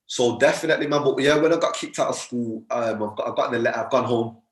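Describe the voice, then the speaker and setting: Talking at a quick pace in a mid-range voice, a young mindset coach appears as a podcast guest in an echoey room. He speaks earnestly, frequently tacking "man" and "you get me" onto what he says.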